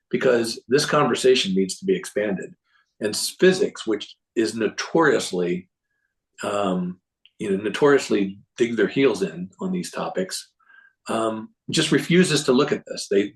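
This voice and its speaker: Man, low gravelly voice, rambling talk, clears throat a lot. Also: rough recording. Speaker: presenter reporting on a symposium. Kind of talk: casual talk to a group.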